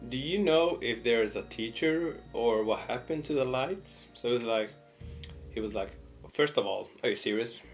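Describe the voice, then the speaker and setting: Young guy doing a chatty storytime, middling pitch, acts out the dialogue, music playing behind him. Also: moderate pace. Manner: animated retelling with repeated words and quoted dialogue. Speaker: mukbang storyteller. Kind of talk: casual personal storytime.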